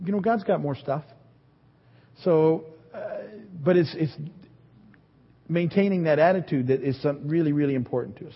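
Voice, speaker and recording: Speaking with a fairly high, breathy-edged voice, this fifty-something pastor shares a story about himself during a sermon, full of self-deprecating humor. The audio sounds dull and echoes in a reverberant hall.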